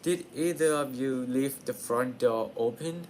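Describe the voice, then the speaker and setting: A fairy-tale mother bear speaking in a puppet show, acted by a man. The voice sits at a middling pitch, with clear background noise. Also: measured pace, lightly acted. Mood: puzzled. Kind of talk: puppet show character dialogue.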